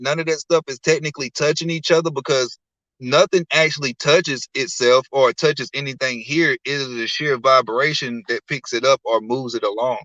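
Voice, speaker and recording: Guy with a bright tense voice laying out his theories slow and sure, dull lo-fi audio. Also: on the high side, no echo. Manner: preachy, explains slowly and firmly. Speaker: guest. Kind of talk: casual live-stream talk.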